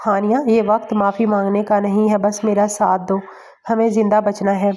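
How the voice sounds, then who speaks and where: Steady protective young hero, reassuring, flat and mellow, read by a woman. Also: mid-range voice, close to an everyday voice. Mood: firm. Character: protective young male agent, calm and firm.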